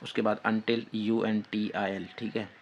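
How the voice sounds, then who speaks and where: A man's voice: lowish voice, little pitch movement, highs cut off, noisy background. A man with a Pakistani Urdu accent giving a spelling lesson, dictating words letter by letter and repeating "theek hai" often. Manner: slow, repetitive dictation with frequent "theek hai" fillers. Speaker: test-prep teacher.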